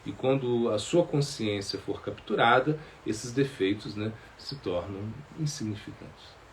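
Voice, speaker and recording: Guy teaching about karma, stops and restarts a lot, medium pitch, faint noise behind. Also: lively intonation. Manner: halting, many fillers and repeated words. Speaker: spiritual teacher. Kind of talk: sermon answering questions.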